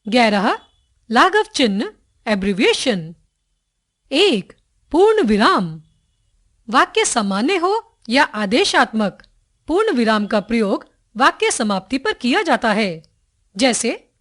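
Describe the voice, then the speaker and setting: A woman narrates a textbook grammar lesson at an unhurried, measured pace. Her voice sits somewhat high and moves expressively up and down. She pauses carefully between phrases. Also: fairly bright tone. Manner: slow, deliberate reading with careful pauses.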